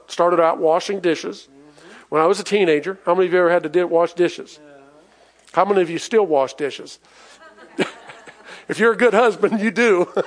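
A pastor preaching a sermon to his congregation, reading scripture aloud and asking the people questions. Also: sits high. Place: church in front of a congregation.

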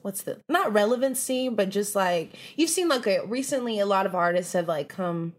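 A woman's voice: medium pitch, animated, normal speed. A woman hosting a casual interview, chatty and teasing, asking long questions. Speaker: interview host.

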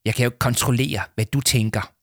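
A man's voice: medium pitch, steady tone, dry recording, studio quality, lightly acted. A man voicing a scornful, condescending adult debater in a children's audiobook. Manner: sneering, scornful.

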